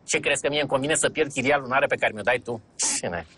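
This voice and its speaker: An actress playing a scheming mayor who dodges requests and performs for a camera. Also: female voice, a bass voice, very noisy. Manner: evasive, theatrical. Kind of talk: sitcom acting.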